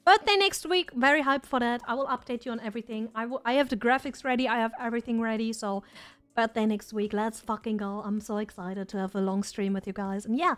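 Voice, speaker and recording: A woman streamer talks fast in a somewhat bright, high-leaning voice during a casual live-stream chat. She rambles and jokes at her own expense while her voice is fading.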